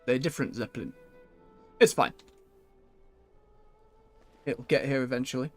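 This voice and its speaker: A man's voice: medium pitch, a little slow, faint music behind. Chatty man commentating on a game. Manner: chatty, muttering to himself. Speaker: video game streamer. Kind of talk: casual gameplay commentary.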